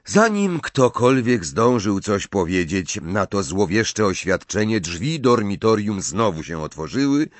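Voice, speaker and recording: A man reading a story aloud as narrator, in a measured, expressive way. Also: fairly low pitch, no room sound. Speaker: audiobook narrator.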